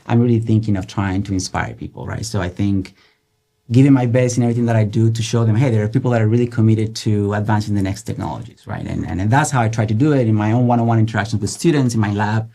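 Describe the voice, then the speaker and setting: A man's voice: lowish voice, steady tone, fast talker, vocal fry, dark tone. A middle-aged man from Colombia, a guest researcher in an interview, talking with enthusiasm, many restarts and "right?" tags. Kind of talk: casual interview talk.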